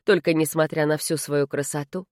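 A woman narrating a fantasy audiobook in a measured, even way. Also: low voice, dry recording, studio quality. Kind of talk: scripted narration.

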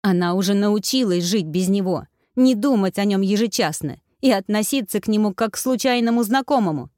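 A woman reading a fantasy novel aloud as an audiobook narrator, with steady, even storytelling. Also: mid-range voice, fairly quick, no echo, clean studio sound. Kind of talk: scripted narration.

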